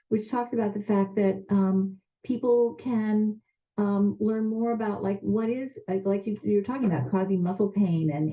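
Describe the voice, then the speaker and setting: A woman speaking as a public radio host in an informal, unscripted interview, conversational with halting, hesitant phrasing. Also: medium pitch. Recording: muffled, narrow phone-like radio sound.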